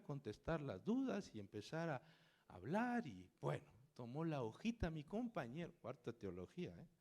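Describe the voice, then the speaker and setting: A man preaching a sermon as an animated, dramatic storyteller who acts out the people in his story. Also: medium pitch.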